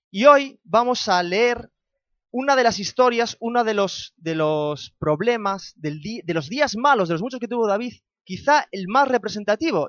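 High-voiced Spanish preacher telling stories. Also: male voice, fairly bright tone, no echo. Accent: Spain Spanish. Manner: conversational, humorous storytelling with self-corrections. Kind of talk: sermon with personal anecdotes. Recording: dry, slightly dull recording.

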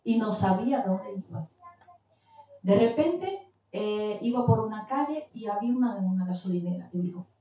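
A woman delivers a sermon with a mellow, dark voice, pausing at times to hunt for a word. She stands well back from the mic, and her voice rings through a very echoey church hall. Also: mid-range voice, lively intonation, far from the mic, a little hiss or hum. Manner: searches for words mid-sentence. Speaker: preacher. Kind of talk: sermon with told testimony.

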